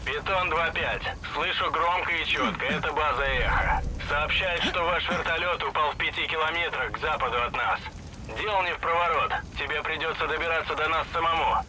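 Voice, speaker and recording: A man's voice: fairly high pitch, fairly quick, noisy background. A man speaking as a military base radio operator, heard over a radio transmission, giving formal, clipped calls. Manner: formal, clipped call sign speech.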